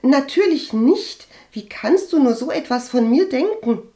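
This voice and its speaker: A woman reading an audiobook and voicing a flustered, gossipy young cousin with a high, stammering, indignant voice. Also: animated, unhurried, warm tone. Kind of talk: audiobook character voice.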